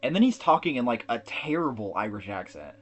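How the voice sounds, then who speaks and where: A man's voice: mid-range voice, very animated, fairly quick, lo-fi sound. Man recapping a movie, rambling. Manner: rambling plot recap with fillers and restarts. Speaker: podcast co-host. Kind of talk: casual movie recap chat.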